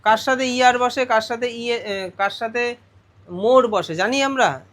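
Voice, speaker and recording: A male grammar teacher with a very high, fairly bright voice speaks at a measured pace. He breaks the lesson into steps and regularly asks his students questions.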